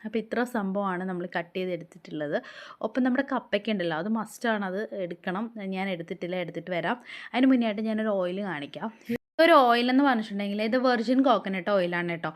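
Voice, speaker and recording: Hoarse woman giving a chatty home tutorial. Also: medium pitch, fast. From Kerala, India. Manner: chatty, explains step by step, often adds reassuring tags. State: hoarse from a cough. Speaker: home remedy vlogger.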